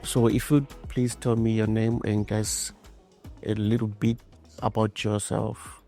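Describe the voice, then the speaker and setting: A man hosting a podcast interview, hesitant, filling pauses with "um" and repeating "I see". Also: lowish voice, little pitch movement, creaky, dark tone, faint music behind. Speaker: podcast host. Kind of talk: casual interview.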